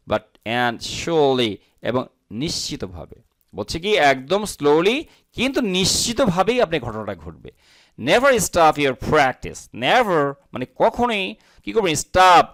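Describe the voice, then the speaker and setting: A man teaching English in Bangla, reading each phrase slowly and repeating words to stress their sound. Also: on the high side, fairly bright tone, no echo. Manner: reads English slowly then explains in Bangla, switches pace often. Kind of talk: bilingual language lesson.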